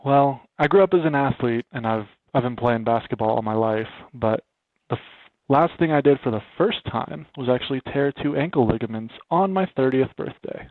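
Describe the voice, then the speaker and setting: A man's voice: medium pitch, moderate pace, no room sound. A man in his thirties, a guest consultant on a podcast, answering in a modest, dry-humored way. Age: 30s. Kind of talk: casual interview. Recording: phone-like remote line.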